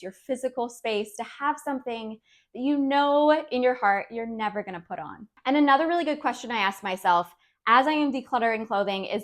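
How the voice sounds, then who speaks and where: Encouraging woman vlogger, higher voice. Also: a bit bright. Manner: friendly and encouraging, with light laughs. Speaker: decluttering channel host. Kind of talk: casual instructional vlog talk.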